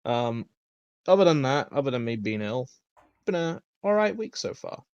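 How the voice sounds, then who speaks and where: A man co-hosting a livestream podcast, hoarse from a week of illness, easygoing and laughing often. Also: mid-range voice, big pitch swings, moderate pace, darkish tone, lo-fi sound. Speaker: podcast co-host. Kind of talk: casual livestream chat.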